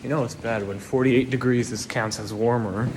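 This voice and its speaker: A man's voice: mid-range voice, fairly even intonation, normal speed. A man vlogging on a cave tour, making casual, joking asides to his camera. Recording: noisy cave camera audio.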